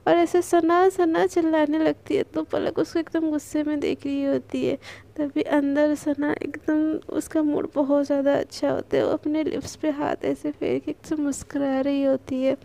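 Woman storyteller, chatty narration, high pitch, dark mellow tone. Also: little pitch movement, moderate pace, gravelly. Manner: chatty, addresses listeners directly.

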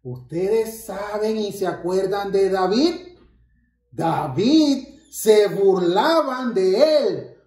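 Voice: medium pitch, animated, drawn-out words, darkish tone. An adult playing Carlitos, a cheerful little boy who tells the children a Bible story in church, bubbly and exclaiming straight to his listeners. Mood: eager. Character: cheerful little boy named Carlitos, proud young scout. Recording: echoey church room.

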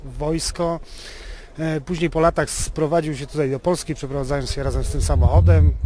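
This Polish interviewee has a mid-range, dark-toned voice. He owns a classic car, restores cars for fun, and talks about it informally at length, repeatedly rewording what he's just said.

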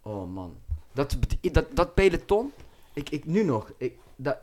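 A man's voice: a little high, a little slow, a crowd in the background. A man in his thirties hosting a podcast, telling stories in a casual chat and laughing often. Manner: lively storyteller, laughs often. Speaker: podcast host.

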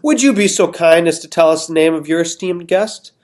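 A man voicing a cruel, pompous tyrant king who makes menacing, slow proclamations. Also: a little high, a little mellow, voice pushed up, close to an everyday voice. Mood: proclaiming.

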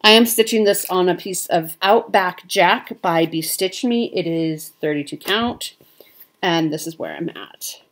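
A woman's voice: on the low side, a little slow. A woman with a Midwestern American accent chatting casually as a cross-stitch vlogger, with frequent ums. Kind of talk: casual show-and-tell chat.

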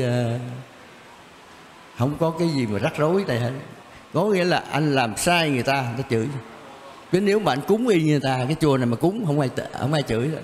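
A man's voice: medium pitch, darkish tone. An older man, a Zen teacher answering questions in a blunt, casual way, chuckling and repeating himself. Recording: reverberant room, faint background noise.

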